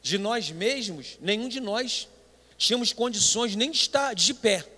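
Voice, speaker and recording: A man's voice: high voice, expressive, measured pace, bright, forceful tone. A Brazilian man, a pastor, preaching a Sunday school sermon with emphatic delivery, often addressing the listeners as brothers. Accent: Brazilian Portuguese. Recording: long hall reverb.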